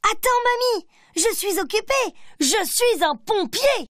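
A woman voicing Petit Ours Brun, an eager little boy bear cub, in a high, excited childlike voice. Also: unhurried, heavily acted.

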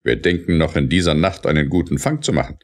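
A man voicing a brisk gendarmerie lieutenant in an audiobook reading, giving a warning. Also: very deep voice, sing-song.

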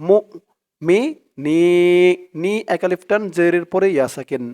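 Teaching how to read the Quran, this high-pitched man chants each verse slowly and melodically, then quietly and rapidly goes over the pronunciation rules.

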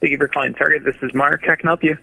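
Very bright-voiced man on a phone call. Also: on the high side, fairly even intonation, racing, gravelly. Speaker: store manager on a phone call. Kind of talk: polite customer service talk.

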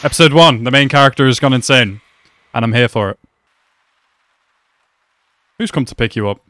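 A young man reacting to an anime episode at home, talking excitedly and exclaiming often. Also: medium pitch, moderate pace. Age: young adult. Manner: animated, exclaims and laughs often. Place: small room at home.

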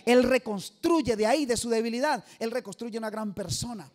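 A man's voice: very high voice, moderate pace. A man preaching an evangelistic sermon to a congregation, emphatic and quizzing the listeners for answers. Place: church service before a live audience.

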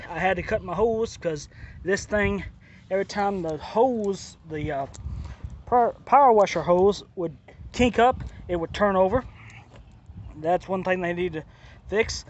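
Here the same kind of outdoor product review plays out: a man filmed on a handheld phone near a driveway and lawn, plainly going over his complaints again and again. His voice is high, and the muffled recording carries a little hiss or hum.

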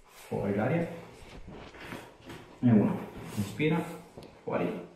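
With a mellow, lowish voice that swings widely in pitch, an osteopath speaks slowly while giving a patient relaxed, reassuring, encouraging guidance. The small indoor treatment room sounds echoey, picked up by a distant mic with faint noise.

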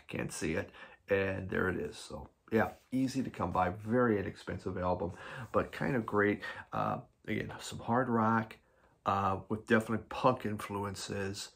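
A man's voice: on the low side, vocal fry, a bit bright, breathy edge. A man hosting a record collecting video, chatting casually and rambling with lots of fillers as he reviews albums. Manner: rambling, filler-heavy, enthusiastic about records. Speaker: record collector vlog host.

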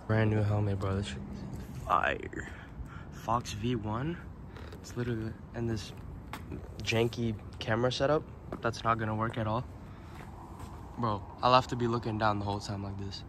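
A young man chatting casually for a vlog in slangy, excitable talk while out riding dirt bikes. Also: lowish voice, moderate pace, long pauses. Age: young adult. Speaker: vlogger and dirt bike rider. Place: outdoors, in vehicles and open desert. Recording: noisy outdoor recording, motorcycle engines. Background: dirt bike engine noise.

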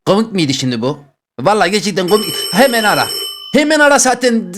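A man playing an online game show for his channel, joking and reacting loudly as he picks boxes. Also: loud music behind the voice. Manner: excitable, jokey, rapid banter with swings in pitch. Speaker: gaming YouTuber.

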